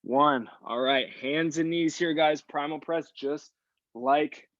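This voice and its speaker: A man's voice: on the high side, slow, a bit bright, no echo, lo-fi sound. A man coaching a live workout class, cueing moves and encouraging the group while breathing with exertion. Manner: encouraging, repeats short praise to the group. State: exertion, audible sighing breaths. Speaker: fitness instructor.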